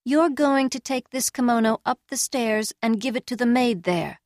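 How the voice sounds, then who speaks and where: A cruel, beautiful young geisha, put on by a woman reading aloud, giving curt orders in a raised, sharp-edged voice. Her tone is scornful and commanding, close and dry in a storybook reading. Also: fairly high pitch, moderate pace, dry recording, voice pushed up, natural voice. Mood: scornful commands.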